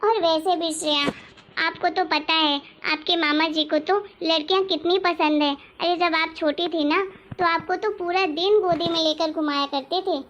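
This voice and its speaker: Lady playing soft-spoken young aunt expecting a baby, very high voice, cartoon story. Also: fairly even intonation, normal speed, highs cut off, slight background noise. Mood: tender. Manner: soft, reassuring. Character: gentle expectant young aunt, hopeful for a daughter.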